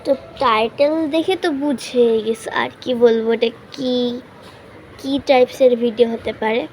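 A young woman hosting a drawing channel, chatting casually about her painting at home and often correcting herself, sometimes speaking softly. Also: fairly high pitch, normal speed. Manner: chatty, self-correcting, drops to hushed voice. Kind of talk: casual drawing tutorial narration. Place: home room. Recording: faint background noise.

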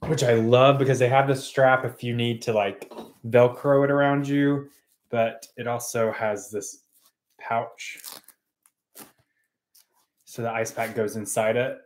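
A man's voice: medium pitch, fairly even intonation, a little slow, long pauses, slight background noise. A man in his thirties co-hosting a casual livestream from his home kitchen, with loose, rambling explanations on a webcam. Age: 30s. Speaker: co-host.

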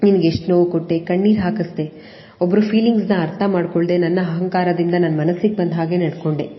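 A remorseful young man begs earnestly for forgiveness, as a woman reading the story puts him on. The voice sits low and is only lightly acted. It comes through dull, lo-fi audio with a long, hanging reverb. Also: steady tone, fairly quick, close to an everyday voice. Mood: remorseful pleading. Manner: pleading, apologetic.

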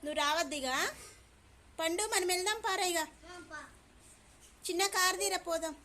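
A mother talks in a very high, bright voice. She scolds and teases her child in a casual home vlog. There is a faint hiss behind her. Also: moderate pace.

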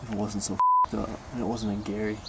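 A blunt young man who swears freely and reacts loudly to each room. He is heard from a distance, away from the camera mic. Empty rooms echo around him, with clear noise underneath. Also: fairly low pitch, flat delivery, fast talker. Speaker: exploring companion. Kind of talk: casual exploring chat. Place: abandoned apartments indoors.

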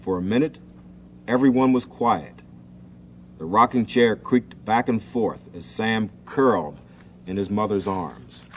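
Gentle man reading a children's story. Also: fairly low pitch, measured pace, slight background noise. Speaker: children's TV host.

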